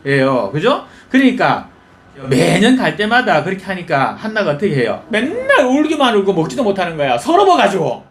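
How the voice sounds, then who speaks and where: Animated folksy pastor. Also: male voice, high voice, brisk. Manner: folksy, animated storytelling with frequent questions to the congregation. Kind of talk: conversational sermon.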